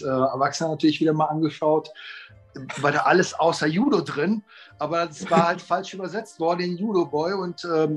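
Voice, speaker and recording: Brief: fifties male martial arts teacher, rambling guest, slightly high, faint music behind. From Italy and Germany. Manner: rambling, many fillers and restarts. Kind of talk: casual interview talk.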